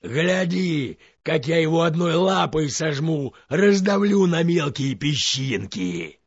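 A man voicing a boastful, clumsy male serpent-dragon in a folk tale, with a raspy, gravelly voice and a slow drawl. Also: a little high, lively intonation, no echo, dull audio, pitched above the performer's own voice, heavily acted.

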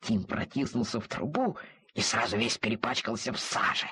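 A narrator telling a children's storybook, lively and speaking to the listeners directly. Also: medium pitch, normal speed, husky.

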